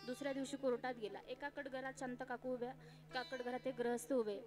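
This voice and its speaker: High-voiced woman preaching a kirtan. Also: fast, over music. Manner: animated, dramatic storytelling, acting out each figure. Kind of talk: devotional kirtan sermon with storytelling.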